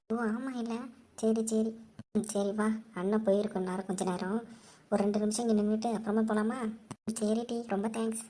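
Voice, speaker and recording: A woman voicing chatty young village women in a cartoon, with lively gossipy banter. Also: a little high, natural voice. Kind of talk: cartoon voice acting. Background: background music.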